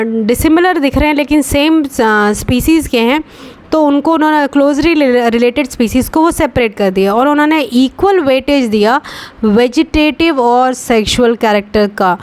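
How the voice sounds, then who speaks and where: Brief: woman, biology teacher, fairly high voice, halting explanations, dictates key terms slowly. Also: a little mellow. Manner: explains step by step, many fillers and restarts, mixes in English terms. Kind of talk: online class lecture.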